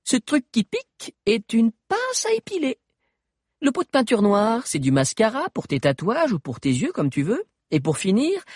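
A man's voice: high-pitched, dry recording, studio quality, pitched above the performer's own voice, full character voice. A man voicing a bubbly teasing teenage girl. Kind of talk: audiobook character voice.

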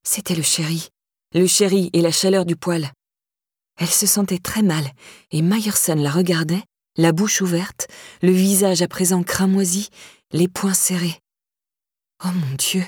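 A woman narrating a novel aloud in a steady, measured storytelling voice. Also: lowish voice, husky, no echo, clean studio sound. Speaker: audiobook narrator.

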